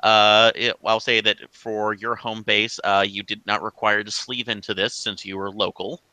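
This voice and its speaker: A man runs an online tabletop game as game master, rambling loosely and easygoing with lots of fillers. His voice is fairly low and level, at a moderate pace, sounding pushed and bright in a dry recording.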